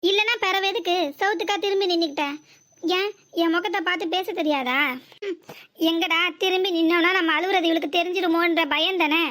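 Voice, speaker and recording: A woman's voice: extremely high pitch, steady tone, fairly quick, a bit bright. [name], a woman voicing a sarcastic young daughter. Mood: mocking. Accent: southern Tamil Nadu. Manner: mocking, sarcastic retorts. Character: sharp-tongued defiant young married daughter. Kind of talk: cartoon comedy dialogue.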